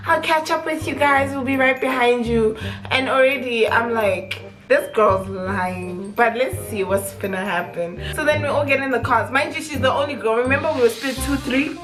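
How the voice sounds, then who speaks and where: Giggly, tipsy young South African woman. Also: high-pitched. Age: young adult. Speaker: YouTuber telling a story. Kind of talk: casual chatty storytime. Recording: music playing behind the voice.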